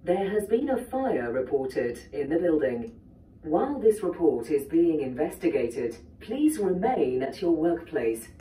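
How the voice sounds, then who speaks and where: Woman's formal announcement through building loudspeakers. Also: low-pitched, very animated. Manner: formal, slow and measured. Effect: heard through building loudspeakers. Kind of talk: recorded public address announcement. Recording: echoey loudspeaker heard from far off.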